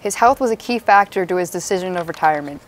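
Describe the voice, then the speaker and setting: A woman's voice: fairly low pitch, expressive, quick pace, slight background noise. A young woman reading scripted news as an anchor on a student mock newscast.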